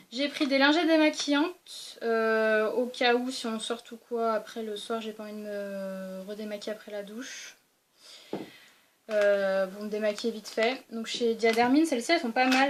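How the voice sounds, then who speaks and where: A woman's voice: on the high side, slight background noise. A young woman casually showing her weekend travel toiletries in a vlog, chatty, with many fillers and restarts. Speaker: beauty vlogger. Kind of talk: casual show-and-tell vlog.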